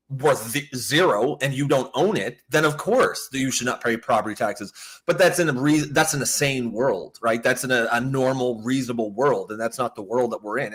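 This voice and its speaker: A man's voice: mid-range voice, a bit bright, breathy edge. A man co-hosting a political talk show, chatting casually and bluntly, swearing and reading out viewer comments. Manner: blunt, profane, reads out chat comments. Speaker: podcast co-host.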